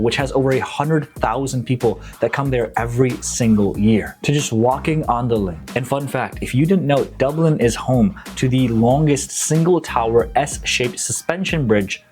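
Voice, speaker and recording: A man's voice: mid-range voice, a little mellow. Upbeat young man, slangy vlogger. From Nepal. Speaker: real estate agent. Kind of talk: casual promotional vlog.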